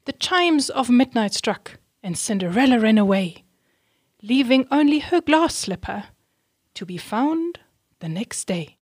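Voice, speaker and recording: Storybook read-aloud: a woman, slightly high voice, slow, measured rhyming delivery. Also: animated, darkish tone, dry recording, studio quality. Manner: slow, clear rhyming delivery with questions to children.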